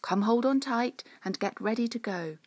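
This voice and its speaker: A woman's voice: a little high, normal speed, darkish tone, breathy edge, dry recording, pitched above the performer's own voice. A woman voicing a regal, cheerful winged winter queen in a storybook, grand, theatrical and inviting.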